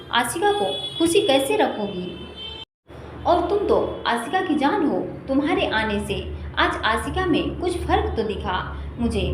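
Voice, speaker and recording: A woman voicing a loving elderly grandmother who speaks in a gentle, soothing, motherly way. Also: sits high. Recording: echoey room with faint noise.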